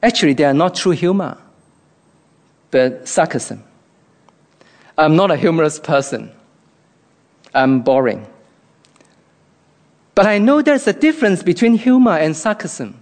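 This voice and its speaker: A man's voice: a little high, sing-song, unhurried, long pauses. A man from Hong Kong with a Hong Kong accent, giving an earnest, reflective devotional talk.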